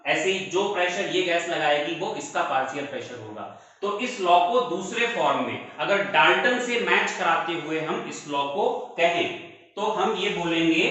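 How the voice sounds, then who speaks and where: Bright, echoey man teaching chemistry. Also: high voice. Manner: dictates definitions slowly, word by word; addresses students fondly as "beta". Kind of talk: classroom lesson in Hindi with English terms.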